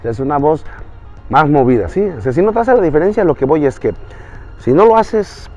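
A man gives a casual online voice-acting lesson, talking straight to the viewer. His pitch swings wildly as he demonstrates. The recording is dull and lo-fi, with faint music behind. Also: fairly quick. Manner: animated, talks straight to the viewer, jumps between pitches. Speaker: voice-acting teacher, channel host.

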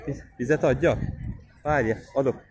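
A father talking patiently to his small son in casual vlog talk, outdoors at a street protest. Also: medium pitch. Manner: coaxing, patient baby talk to a small child. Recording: loud outdoor noise. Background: loud street ambience.

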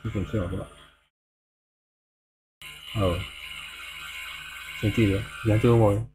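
A man's voice: lowish voice, steady tone, slow. A man streaming live, casually reading short poems aloud and counting their syllables in a hesitant way. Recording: noisy hum behind the voice.

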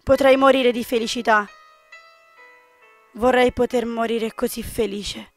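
A woman voicing a sorrowful, gentle young man in a visual novel, soft and wistful. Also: fairly high pitch, fairly even intonation, unhurried, faint music behind, close to an everyday voice. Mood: tearful.

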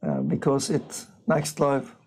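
An older man from Norway with a Norwegian accent, giving an informal spiritual class in a small bright room, speaking haltingly with frequent throat-clearing. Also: mid-range voice, sing-song, poor audio. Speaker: visiting speaker.

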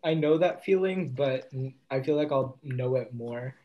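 A teenage boy co-hosting a podcast in casual chat, talkative and often trailing off quietly at the ends of his thoughts. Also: medium pitch, moderate pace, muffled recording, slight background noise. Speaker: podcast co-host.

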